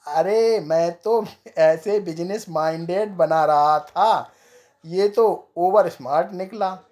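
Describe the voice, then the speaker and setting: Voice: medium pitch, takes it slowly, a little mellow, natural voice. A storyteller voicing a cheerful, boastful village inventor man who is always sure of his silly ideas.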